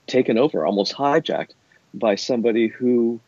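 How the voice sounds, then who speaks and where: A middle-aged man, an academic, speaking discursively and thoughtfully in a conversational interview, with hesitant, measured phrasing. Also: mid-range voice, lively intonation, dark tone, husky. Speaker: university academic being interviewed. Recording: dull, roomy, echoey sound.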